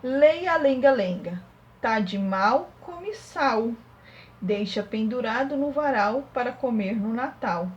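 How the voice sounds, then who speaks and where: A woman teaching a young class remotely, working through exercises step by step and sounding out syllables slowly. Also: on the high side, animated, lo-fi sound. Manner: slow, syllable-by-syllable dictation. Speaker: primary school teacher.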